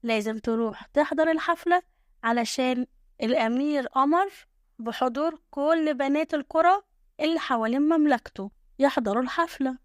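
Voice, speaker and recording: A woman voicing a male palace herald with an Egyptian accent, proclaiming loudly to a village. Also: high voice, a little fast, no room sound, studio quality, natural voice. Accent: Egyptian Arabic. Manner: announcing loudly.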